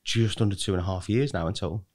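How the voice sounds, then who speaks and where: A man's voice: low voice, quick pace, a little mellow. A man speaking casually as a podcast guest, rambling and hedging as he explains himself. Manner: rambling, heavily hedged with kind of and really. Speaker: podcast guest, recruitment manager. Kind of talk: casual interview talk.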